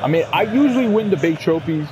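A young man giving casual, chatty commentary over his football video game, bursting into excited shouts at goals. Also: high voice, fast talker, noisy background. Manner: excitable, shouts goal celebrations, chatty slang. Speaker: gaming YouTuber.

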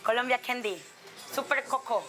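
A woman's voice: on the high side, moderate pace, a bit bright. A woman from Colombia, a native Spanish speaker with a Colombian accent, chatting casually and expressively. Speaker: featured subject of a documentary. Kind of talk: casual chat to camera. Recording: background music under the voice.

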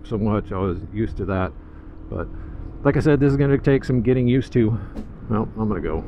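A man giving casual, easygoing riding commentary from inside a helmet as he vlogs on a scooter. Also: on the low side. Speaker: motorcycle vlogger. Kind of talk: casual first-ride vlog commentary while riding. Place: outdoors, riding a scooter through town streets. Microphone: mic inside a motorcycle helmet. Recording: muffled helmet mic, loud wind and road noise.

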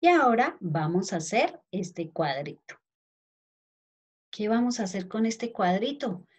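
This woman's voice sits in the mid range, very animated with a breathy edge, and her pace is a little slow. She is a primary school teacher with a Colombian Spanish accent, dictating word by word to young children, spelling letters aloud and addressing the pupils fondly.

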